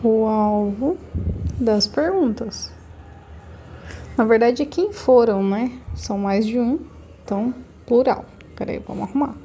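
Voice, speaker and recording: Brazilian woman teacher, slightly high mellow voice, talks through each answer patiently for a recorded lesson. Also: measured pace, long pauses, slight background noise. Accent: Brazilian Portuguese. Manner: patient, explains step by step with rhetorical questions. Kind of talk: recorded lesson correcting homework.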